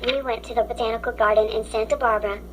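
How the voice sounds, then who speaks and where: A woman's voice: a little high, steady tone, quick pace, fairly bright tone, a little hiss or hum. A synthetic woman's voice with a robotic text-to-speech sound, reading children's stories aloud in a stiff, mechanical way. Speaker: story app narrator.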